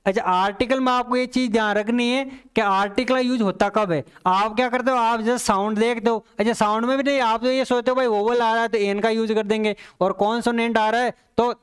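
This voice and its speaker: Speaking in a very high, clean, steady voice, a man gives an exam-prep English lesson for competitive tests. He reads example sentences slowly and deliberately, explains each answer step by step, and repeats the key points for his students.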